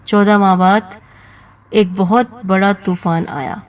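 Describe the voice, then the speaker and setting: A woman storyteller narrating an emotional story in a steady, dramatic manner. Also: mid-range voice, distant mic.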